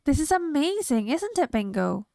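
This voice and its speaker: A woman's voice: high voice, big pitch swings, moderate pace, vocal fry, a little mellow, dry recording, clean studio sound, pitched above the performer's own voice, exaggerated voice. Woman reading as an eager boy hero.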